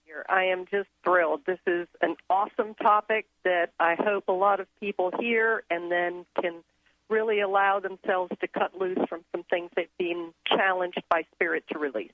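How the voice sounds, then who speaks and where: A woman who grew up in Thailand, a guest on a radio show, explaining her ideas in an earnest, steady way. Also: fairly low pitch, normal speed, dry recording. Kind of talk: casual radio interview. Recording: tinny phone line.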